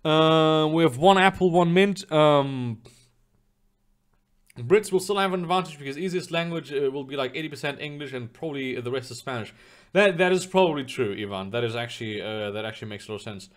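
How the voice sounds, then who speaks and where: A young man streams live and reads chat, rambling loosely with viewers, packing in fillers and casual swearing. His voice is a little high and fairly quick.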